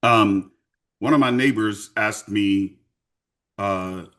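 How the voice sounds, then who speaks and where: Male host, lower register, frank and sincere, conversational delivery. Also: takes it slowly, fairly bright tone. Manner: candid, earnest. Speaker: podcast host. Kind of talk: conversational interview.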